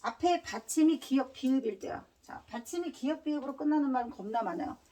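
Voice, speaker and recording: Woman, teacher, grammar lecture, quizzing questions, casual slang, animated intonation, a bit off-mic. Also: high-pitched, fast, far from the mic, slight background noise. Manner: drills students with repeated questions. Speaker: Korean language teacher. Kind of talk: classroom lecture.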